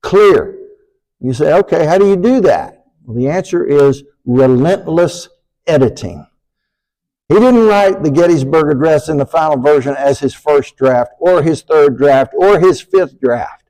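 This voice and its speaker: A man lecturing to an audience in a room, deliberate and emphatic, slowing down to stress key phrases. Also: a little high, animated, warm tone, rough recording. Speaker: speaker giving a talk.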